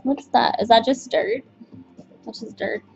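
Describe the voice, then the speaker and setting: A woman's voice: a little high, steady tone, a little slow, gravelly, darkish tone, faint music behind. A young woman doing casual let's play commentary as the host, playfully self-deprecating, exclaiming and muttering as she plays. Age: young adult. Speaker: gamer host. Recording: slightly dull sound.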